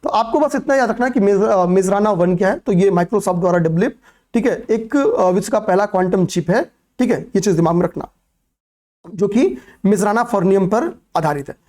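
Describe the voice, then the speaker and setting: A man's voice: high voice, animated, moderate pace, darkish tone. Hindi-speaking male coaching teacher lecturing. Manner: repetitive, checks in with "okay, pay attention"; asks and answers own questions. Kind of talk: classroom lecture on current affairs.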